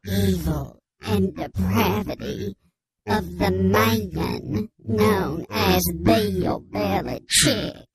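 A man playing a grave, anonymous male whistleblower on a radio comedy bit, his voice electronically disguised, giving slow, solemn deadpan testimony. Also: high-pitched, gravelly, full character voice, low-quality recording. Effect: disguised voice, electronically altered. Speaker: anonymous informant caller.

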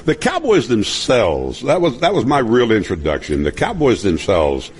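A man's voice: medium pitch, wildly swooping pitch, normal speed, a little mellow. A man in his seventies from Nebraska, a broadcaster telling rambling stories and laughing often in a casual chat. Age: 70s. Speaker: guest broadcaster.

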